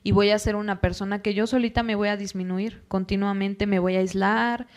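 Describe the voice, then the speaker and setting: Guest psychologist, woman, patient explanatory delivery, mid pitch. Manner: calm, explanatory, acts out parents and children in quick quoted asides. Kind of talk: podcast interview.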